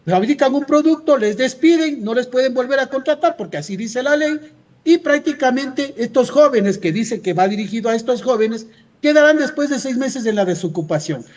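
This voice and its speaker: A man's voice: very high voice, lively intonation, normal speed, a little mellow. An Ecuadorian man speaking as a union leader in a radio interview, arguing emphatically and often posing rhetorical questions. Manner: emphatic, insistent, rhetorical questions answered himself. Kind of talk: radio interview, argumentative commentary.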